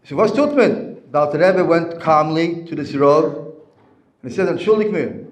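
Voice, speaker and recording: Rabbi, male, high voice, teacherly, restates points, roomy echo. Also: expressive, measured pace. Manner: teacherly, repeats and restates phrases. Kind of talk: Torah lesson with storytelling. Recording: echoey room.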